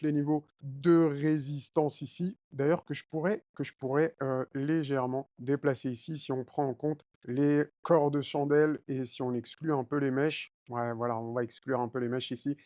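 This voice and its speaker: A man's voice: a little high, a little mellow, no echo, clean studio sound. A man casually talking viewers through a trading chart, with many fillers and frequent check-ins with his audience. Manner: addresses viewers directly with frequent d'accord and hein. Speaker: crypto trading YouTuber. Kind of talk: chart analysis walkthrough.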